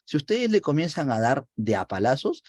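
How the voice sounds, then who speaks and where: A man voicing a sharp-tongued, scheming wife who scolds her lazy husband. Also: medium pitch, very animated, normal speed, dry recording, clean studio sound.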